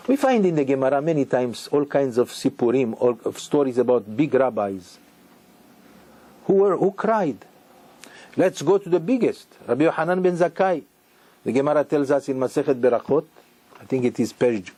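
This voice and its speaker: A man giving a sermon as a rabbi, speaking with emphatic repetitions and halting restarts. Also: mid-range voice, animated, dark tone.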